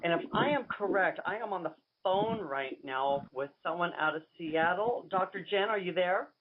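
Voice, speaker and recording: A man's voice: high-pitched, animated, normal speed, a little hiss or hum. A man hosting a radio interview over the phone, gushing, flamboyant and enthusiastic. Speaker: radio host and drag queen. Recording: tinny phone line.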